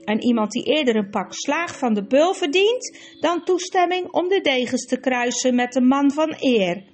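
A woman's voice: high voice, animated, moderate pace, faint music behind, pitched above the performer's own voice. A woman doing a stern, formal old king. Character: stern dignified older king, formal and measured.

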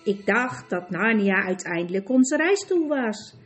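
A woman voicing a gentle, plain-spoken talking mare in a storybook reading. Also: mid-range voice, animated, measured pace, soft background music, lightly acted.

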